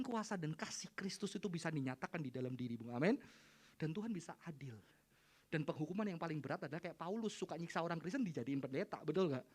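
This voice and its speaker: A middle-aged male preacher giving a youth sermon, joking, laughing and acting out dialogue as he tells stories. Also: high voice. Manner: animated, jokey, acts out dialogue, laughs often.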